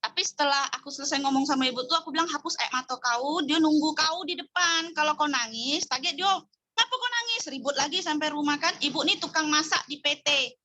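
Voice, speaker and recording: A middle-aged woman speaks in a high, bright voice. She tells a personal faith story in a chatty, candid, emotional way over a video call. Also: brisk. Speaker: community member sharing testimony. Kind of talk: casual testimony.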